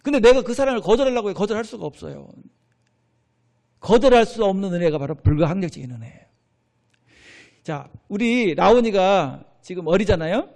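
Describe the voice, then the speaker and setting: Male pastor, middle-aged, lively high-pitched sermon voice with questions thrown to the pews. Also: fairly quick, creaky, pauses often. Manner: animated preaching with call-and-response questions to the congregation. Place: church sanctuary.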